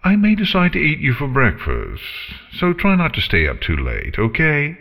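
A man's voice: a little high, huge pitch swings, normal speed, vocal fry, bright, forceful tone, voice pushed up, heavily acted. A man doing a haughty, threatening female dragon. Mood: mock-threatening. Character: grumpy female dragon, huge and menacing.

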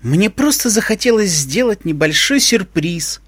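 A man voicing an earnest, warm young female unicorn in a story reading. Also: high-pitched, very animated, measured pace, husky, no echo, heavily acted.

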